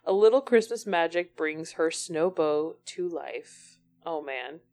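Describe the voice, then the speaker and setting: A woman's voice: sits low, lively intonation, slow pace, darkish tone. A woman co-hosting a podcast, chatting casually, laughing often, and reading blurbs aloud. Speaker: podcast co-host. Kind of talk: casual chat.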